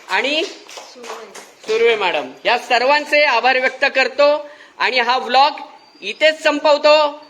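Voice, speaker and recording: A man's voice: very high-pitched, sharp tone, a little hiss or hum. A man hosting a vlog at a village school, teasing the children playfully and giving formal thanks. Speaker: vlogger host. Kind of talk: casual vlog chat with schoolchildren.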